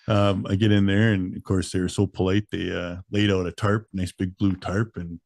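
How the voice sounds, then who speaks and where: A relaxed man in his thirties from Canada tells his story with a low voice and an easygoing, chuckling delivery. The sound is dry and close. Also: normal speed, vocal fry, no echo. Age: 30s. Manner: laid-back, chuckles through grim details. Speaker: guest. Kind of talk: casual storytelling.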